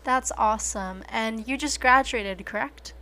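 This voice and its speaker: A woman's voice: fairly high pitch, unhurried, pushed and bright. A young woman in her twenties, from the United States, hosting a casual podcast interview in an upbeat, chatty way. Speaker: podcast host.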